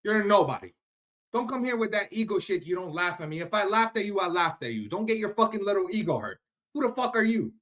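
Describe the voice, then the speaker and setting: An Iranian man rants angrily on a live stream, cursing often and speaking straight to his viewers. His voice is high, sing-song, fast, and a bit bright.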